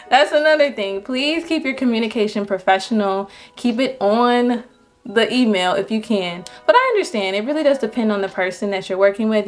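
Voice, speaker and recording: A young adult woman photographer giving casual, encouraging business advice to viewers, with lively jumps in pitch when she stresses a point. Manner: chatty and encouraging, animated pitch jumps on emphasis.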